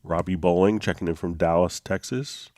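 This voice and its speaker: Nasal and stuffed up from a mild cold, the deep-voiced host of a live software tutorial explains things loosely and easily, often pausing on fillers and restarting. His tone stays steady, and the sound is dry and close with no room around it.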